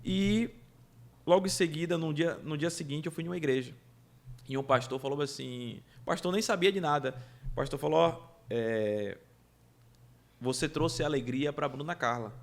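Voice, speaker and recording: A man chats as a podcast guest, spinning anecdotes with energy and frequent laughter. His voice sits a bit high for a man. He tells the stories in a relaxed, conversational way. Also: normal speed, creaky. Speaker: podcast guest, event producer. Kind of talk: casual storytelling chat.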